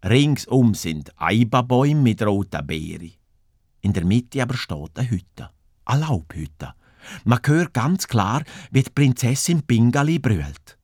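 A man reads a children's story aloud. His animated voice rises and falls at a middle pitch. The recording is dry and close. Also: measured pace, no room sound.

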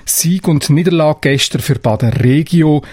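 Radio newsreader, dry studio sound. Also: male voice, on the high side, moderate pace, darkish tone, husky, no room sound. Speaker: radio news presenter. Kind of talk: scripted regional radio news reading.

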